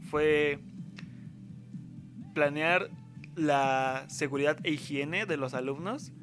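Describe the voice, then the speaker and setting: Soft background music plays behind a young adult man whose voice is a little high, slow, and a bit bright. He's a university student with a Mexican accent, chatting casually in a rambling, slangy way. He acts out what other people said as he talks.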